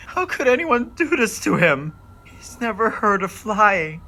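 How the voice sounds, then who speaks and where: An actress playing a grieving, bewildered, plaintive bystander in a video game. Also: female voice, mid-range voice, very animated, a little slow, pushed and bright, exaggerated voice, rough recording. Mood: grief-stricken. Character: grieving, bewildered bystander mourning a best friend.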